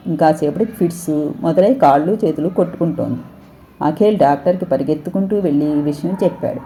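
A woman reading a story aloud as narrator, steady and even. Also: lowish voice, slight background noise.

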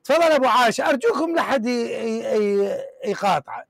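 A man moderating a religious debate, brisk and informal, handing out turns. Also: very high voice, animated, vocal fry, fairly bright tone.

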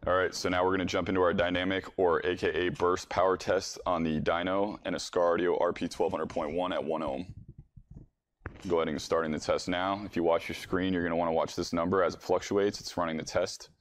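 An American man in his thirties, a company CEO, gives a casual product demonstration indoors in a workshop, standing in front of a workbench. His voice is low, with little pitch movement, and he talks fairly quickly.

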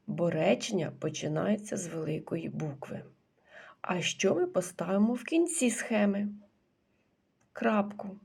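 A woman kindergarten teacher giving a recorded literacy lesson to preschoolers, slow and patient, pausing for the children's answers and often dropping into a breathy half-whisper. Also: lowish voice, warm tone.

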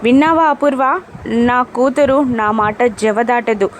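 A woman's voice: on the high side, normal speed, a little hiss or hum, lightly acted. Woman voicing a stern, proud father. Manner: demanding, boastful.

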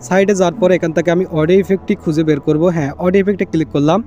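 Talking fast in a high voice, a tech tutorial host walks viewers through a phone app in a casual screen-recorded how-to. His tone stays mellow and steady as he repeats each step and drops in English catchwords.

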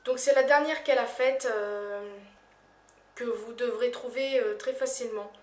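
A young woman answering questions in a casual vlog, hesitant, with many fillers and phrases that trail off softly. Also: fairly high pitch, measured pace. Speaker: YouTuber. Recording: echoey room, voice a little far from the mic.

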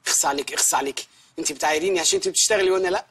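An actor playing a joking, jobless husband in a film comedy, with an Egyptian Arabic accent and a playful, mock-apologetic way of talking. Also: male voice, fairly high pitch, racing, sharp tone, husky.

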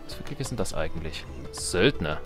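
With game music and sounds in the background, a man hosting a let's play of a strategy game jokes casually and mutters to himself and the game's characters. He speaks fairly quickly in a low, expressive voice.

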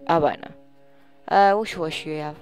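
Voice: mid-range voice, normal speed, darkish tone, faint music behind. A gamer giving casual commentary while playing, rambling and thinking aloud, often trailing off mid-sentence. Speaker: let's play gamer.

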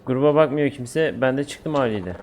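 A man's voice: mid-range voice, animated, a little fast, a little mellow, slight background noise. A man with a Turkish accent chats casually and in slang with viewers while live-streaming a game. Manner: informal, slangy, chatting with viewers.

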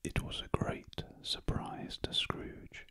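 A man with a British accent reads a classic story aloud as ASMR in a very gentle, breathy, unvoiced whisper, close to the listener's ears. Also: no echo. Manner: very gentle, hushed, deliberate. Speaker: audiobook narrator. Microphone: close ear-to-ear stereo microphone.

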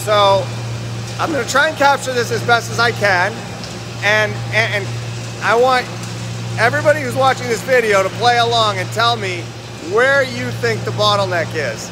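Filming a walking factory-tour vlog in a big indoor warehouse, a forties lean manufacturing consultant holds his phone out selfie-style, addressing viewers directly and peppering them with questions. His voice is very high, his speed normal, with background noise behind him.

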